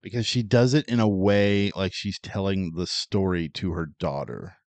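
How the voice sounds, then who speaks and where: Laid-back low-voiced man. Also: normal speed, dry recording. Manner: laid-back, agreeing, wry asides. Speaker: podcast co-host. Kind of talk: casual movie review chat.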